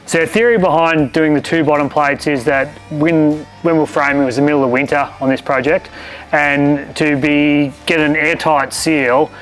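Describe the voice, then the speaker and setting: A man's voice: on the high side, steady tone, moderate pace, fairly bright tone, soft background music, rough recording. An Australian man, a builder, explaining things casually and practically as he presents a site walkthrough. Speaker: builder co-hosting a home-building show.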